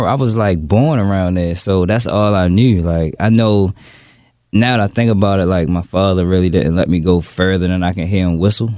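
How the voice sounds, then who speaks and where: A man in his thirties with a very low, deep voice talks through his memories in a relaxed, thoughtful way, often restarting his sentences. The sound is close and dry, with no room echo. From Baltimore, USA. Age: 30s. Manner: relaxed, reflective storytelling with frequent restarts. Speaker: guest. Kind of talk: casual interview.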